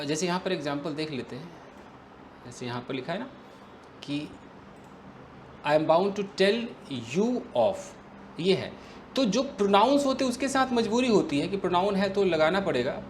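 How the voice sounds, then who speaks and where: A man giving a casual English lesson, explaining with lively emphatic repetition and reading examples slowly. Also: high-pitched, a little hiss or hum. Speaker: English teacher.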